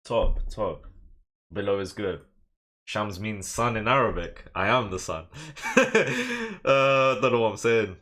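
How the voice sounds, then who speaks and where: Playing online chess live, an Englishman thinks aloud about his moves half to himself while also chatting with viewers in a casual way. His voice is lowish, a bit bright, and unhurried.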